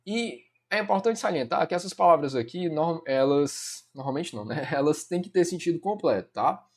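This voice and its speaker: A man's voice: on the high side, lively intonation, moderate pace. A man with a Brazilian Portuguese accent teaching a Portuguese grammar lesson for an exam, chatty and informal, peppering his explanations with "né" and addressing students as "galera". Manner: casual, addresses students as "cara" and "galera", many fillers like "né".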